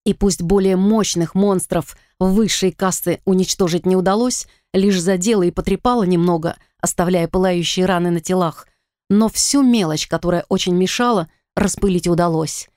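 A woman narrating a first-person fantasy audiobook in an expressive, dramatic reading. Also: fairly low pitch, moderate pace, dry recording, studio quality.

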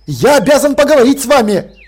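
A man voicing an excitable young male newspaperman who fires off eager, pleading questions. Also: extremely high pitch, voice pushed up. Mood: excited. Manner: breathless, pleading, rapid-fire questions.

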